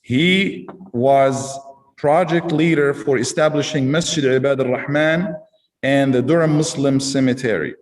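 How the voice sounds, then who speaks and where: A man from Egypt hosting a community talk, introducing guests and asking questions in a measured way with some restarts. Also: mid-range voice, long reverb tail, distant mic, poor audio. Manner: measured, slow reading with restarts. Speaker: host.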